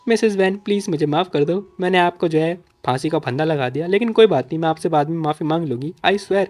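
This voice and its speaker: A man reading the lines of a sly, scheming young woman in a low, hushed voice. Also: a little fast, lightly acted.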